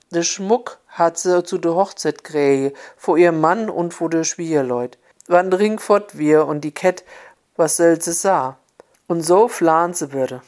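Woman storyteller with an Upper Hessian accent, unhurried folk-tale delivery. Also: fairly low pitch, darkish tone. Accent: Upper Hessian dialect. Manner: slow, homely storytelling in dialect. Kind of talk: fairy tale narration.

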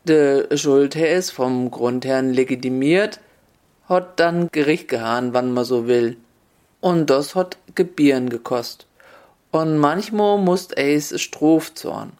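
A man's voice: fairly high pitch, a little mellow, clear, resonant tone. Man telling a tale in Upper Hessian dialect. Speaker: storyteller. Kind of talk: dialect folk tale narration.

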